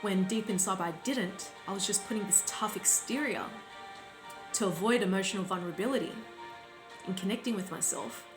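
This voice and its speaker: A woman life coach speaking reflectively to her audience, in a slow, deliberate and gently instructive way. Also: medium pitch. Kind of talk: reflective talk to camera. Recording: roomy sound with faint background music.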